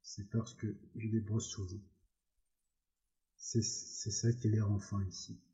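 A man's voice: lowish voice, completely flat delivery, takes it slowly, creaky, dark tone, dull audio. A man voicing a vain, teasing young ranch wife.

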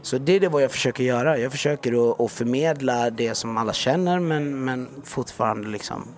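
Casual man in his thirties. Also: mid-range voice. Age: 30s. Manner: casual, slangy, repetitive. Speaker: guest. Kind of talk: candid podcast storytelling.

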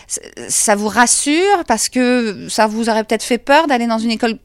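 A woman reporter asking brisk, probing questions and narrating a news report. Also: on the high side, animated, clear, resonant tone, dry recording. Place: school in Paris.

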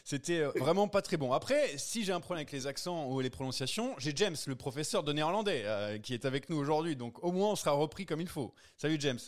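Chatty male podcast host, slightly high. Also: expressive, quick pace, few pauses. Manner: sings the intro, then chatty with fillers and restarts. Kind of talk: casual cycling podcast chat.

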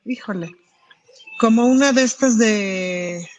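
A woman's voice: medium pitch, slow pace, a little mellow. Playful Mexican woman on a panel. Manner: joking, playful. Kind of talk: casual talk-show banter.

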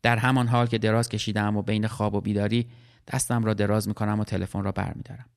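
A man reading a literary short story aloud as narrator, in a calm, measured, reflective way. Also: on the low side, gravelly.

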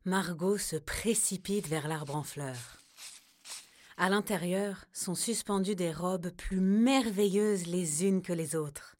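A woman narrating a scripted children's story in a slow, gentle storytelling manner. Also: on the low side, no echo.

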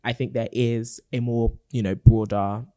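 A man with a medium-pitched voice and a London accent co-hosts a podcast in a dry-sounding recording. He talks in casual chat, using urban London slang. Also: little pitch movement, unhurried, warm tone, no echo. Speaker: podcast co-host.

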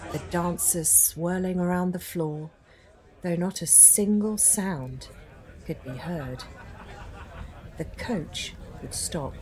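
A woman co-hosting a podcast who narrates ghostly folk tales in a slow, measured, dramatic way. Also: fairly low pitch. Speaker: podcast co-host and storyteller. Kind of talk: fireside storytelling narration.

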